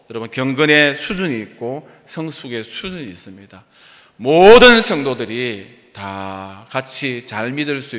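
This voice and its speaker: A man's voice: mid-range voice, fairly bright tone. A male pastor delivering a sermon, telling folksy jokes and often addressing the congregation directly. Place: church sanctuary. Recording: long church-hall reverb.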